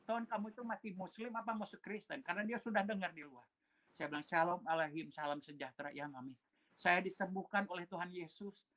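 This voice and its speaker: A pastor with a slightly high, fairly bright voice gives an emotional personal testimony. He tells his story animatedly, acting out other people's voices and dropping in English phrases.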